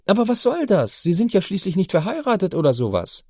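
A pushy, curious teenage girl from an audiobook, as a man reading the book puts her on. She pitches her voice far above his usual and keeps pressing her questions insistently. The recording is dry and close. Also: wildly swooping pitch, brisk, a little mellow, no room sound, full character voice. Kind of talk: audiobook character voice.

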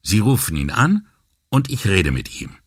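Guy doing a cagey quiet agent, low and husky, dry sound. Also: sing-song, normal speed, dry recording. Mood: guarded. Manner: guarded, quiet. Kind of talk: audiobook character voice.

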